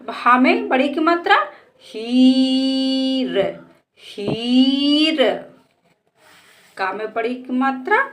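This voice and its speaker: A woman teaching a children's lesson, stretching out each word slowly in patient pronunciation drills and addressing the listener as a child. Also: high-pitched, very animated, bright, forceful tone. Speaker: Hindi teacher.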